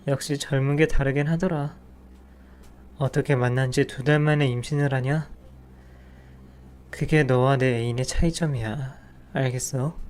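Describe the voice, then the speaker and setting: A man's voice: a little high, clear, resonant tone, lightly acted. A man voicing a harsh, dismissive husband who scorns his wife in a narrated audio drama. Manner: contemptuous, curt.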